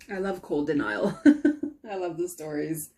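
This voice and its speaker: A sniffly woman with a congested, sneezy air, reading a story aloud with casual asides. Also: on the low side. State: sniffly, sneezy, interrupted by coughs. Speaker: fiction reader.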